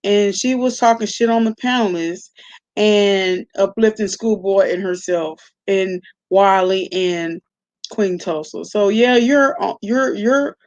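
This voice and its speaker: A woman with a medium-pitched, darkish voice speaks slowly over dull audio. She hosts an online commentary channel, and this is a casual reaction vlog full of gossipy chatter, salty slang, and frequent check-ins with the listener.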